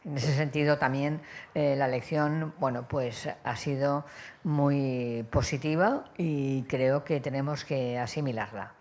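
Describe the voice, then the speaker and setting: A woman's voice: rumbling low, steady tone, slow pace, a little mellow. A woman giving spontaneous, discursive comments and thanks at a conference, feeling her way through phrases.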